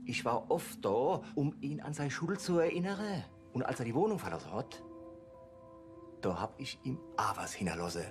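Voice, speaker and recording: Actor doing a defiant suspect, voice swings up and down, faint music. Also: male voice, medium pitch, expressive, normal speed, close to an everyday voice. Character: defiant suspect questioned by police.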